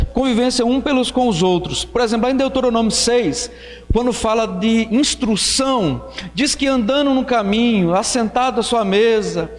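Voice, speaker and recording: A man's voice: very high voice, in a large hall. A man preaching a Bible study in a conversational way, with fillers and rhetorical questions to the congregation. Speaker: pastor. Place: church.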